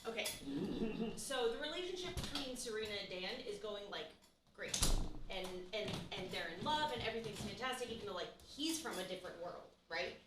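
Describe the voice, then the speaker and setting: A woman's voice: mid-range voice, animated, fairly quick, noisy background. A woman doing a live improv scene, recapping a teen drama in a gossipy, breathless way and acting out the characters' quotes. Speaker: improv performer. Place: small theater stage. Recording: echoey room, mic from a distance.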